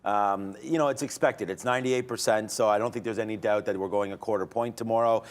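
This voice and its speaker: A man's voice: fairly low pitch, fairly even intonation, brisk. A man hosting a day-trading livestream, giving casual, informal commentary as he thinks aloud. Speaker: day trader and livestream host.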